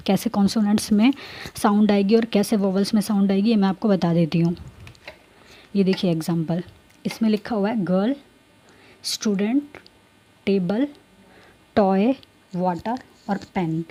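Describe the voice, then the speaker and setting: Mellow-voiced woman teaching grammar. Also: medium pitch. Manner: repeats points, checks in with students. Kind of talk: classroom grammar lesson.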